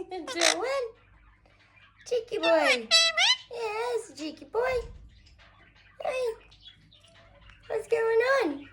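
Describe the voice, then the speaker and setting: A woman's voice: extremely high pitch, animated, very slow, long pauses, noisy background. A woman talking to her pet birds in cooing baby talk, sing-song and affectionate, filmed on a phone. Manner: sing-song, affectionate, repeated kisses and laughs. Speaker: pet bird owner. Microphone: phone camera.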